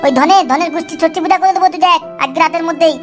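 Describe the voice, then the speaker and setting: Futu, a cocky cartoon boy, voiced by a woman, rattles on in a high, quick voice. He schemes and boasts without pause. Light music plays behind him. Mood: scheming. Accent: Bengali. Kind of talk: cartoon voice acting.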